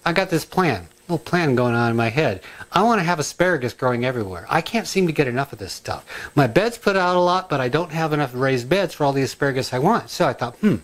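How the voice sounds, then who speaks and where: A middle-aged man with a slightly high voice talks to the camera in his home kitchen. He rambles from one aside to the next, excitable and full of ums. The sound comes from a camera mic set a little way off. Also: fast talker. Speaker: home cooking and gardening vlogger. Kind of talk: casual chatty kitchen vlog.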